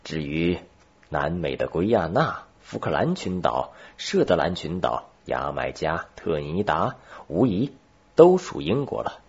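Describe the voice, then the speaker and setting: A man voicing an excitable middle-aged French geographer who questions with sarcastic irony in an audiobook. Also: low voice, measured pace, gravelly, slightly rough, heavily acted. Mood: ironic. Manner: sarcastic, increasingly agitated questioning. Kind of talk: audiobook character reading. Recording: dull lo-fi recording.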